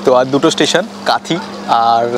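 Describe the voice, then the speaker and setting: A man's voice: medium pitch, moderate pace. A young man from West Bengal giving a chatty, informative travel vlog aboard a train, talking straight to his viewers. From West Bengal, India. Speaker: travel vlogger. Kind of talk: casual travel vlog narration. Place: inside a moving train and on station platforms. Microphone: clip-on lapel mic, selfie camera at arm's length. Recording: loud train and outdoor noise.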